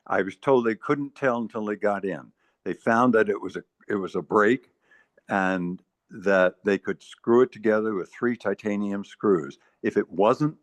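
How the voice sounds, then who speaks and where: An eighty-five-year-old man in casual group chat, speaking haltingly with repeated words while earnestly giving advice. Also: on the low side, no echo. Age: 80s. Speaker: meeting participant. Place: retirement community.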